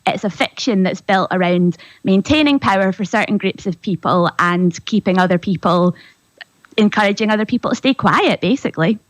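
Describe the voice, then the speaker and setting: A woman's voice: mid-range voice, moderate pace, no room sound, rough recording. Woman explaining with a dry, close sound. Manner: explanatory, tag questions, laughs lightly. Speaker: linguist guest. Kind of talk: radio discussion.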